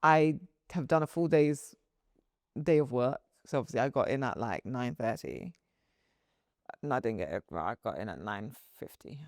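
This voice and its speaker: On a podcast she co-hosts, a woman with a very deep voice chats casually at a normal speed, animated and giggly. She rambles, loses track of her thoughts, and restarts her sentences. The recording has studio quality and no echo.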